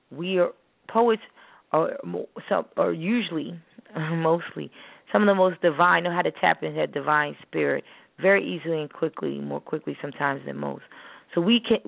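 A woman who co-hosts a spoken word business show and is also a spoken word artist speaks emphatically and instructively in an opinionated talk show discussion, repeating phrases for stress. Her low voice has vocal fry and a moderate pace, the recording dry. It comes through as muffled, narrowband phone-line sound.

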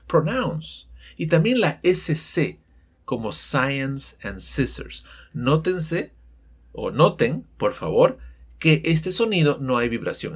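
A man gives an English pronunciation lesson. His voice is fairly high and a little husky, and it rises and falls a lot as he explains patiently and quizzes his listeners. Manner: explains patiently, asks the class questions. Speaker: English teacher.

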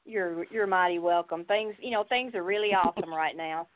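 A woman's voice: fairly low pitch, normal speed. A woman chatting casually as a guest on a radio show. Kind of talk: casual chat. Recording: dull lo-fi line, faint noise.

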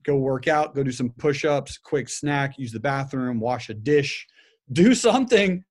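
A man in casual conversation, calmly giving practical advice on trading discipline. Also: medium pitch, measured pace.

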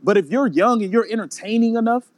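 High-voiced man in casual debate. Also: fast, dry recording. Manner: repeats phrases for emphasis. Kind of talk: casual group discussion.

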